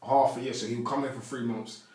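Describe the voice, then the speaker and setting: A man's voice: mid-range voice, quick pace. A man, a podcast guest chatting loosely with a lot of slang. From Congo. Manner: relaxed, rambling street slang. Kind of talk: casual interview chat. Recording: echoey room, mic at a distance.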